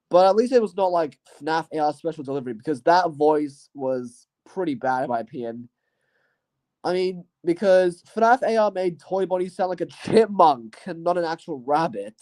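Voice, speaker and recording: Rambling man with a mellow, higher voice. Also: animated, moderate pace. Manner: rambling and hesitant, full of "you know" and "I guess". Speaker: channel host. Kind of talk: casual solo year-in-review talk.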